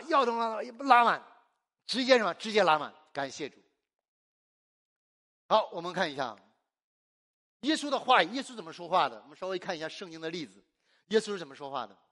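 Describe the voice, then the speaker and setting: Preacher, male, from China; high, very lively voice; emphatic call-and-response sermon style. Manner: call-and-response, asks the congregation and answers himself; exuberant and emphatic, laughs often.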